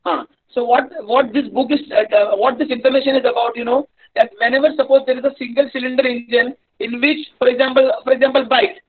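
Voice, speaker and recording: A man's voice: very high-pitched, fairly even intonation, fast. A man with a North Indian accent giving a live online engineering lecture in a hesitant, repetitive, explanatory manner. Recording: dull lo-fi online-class audio.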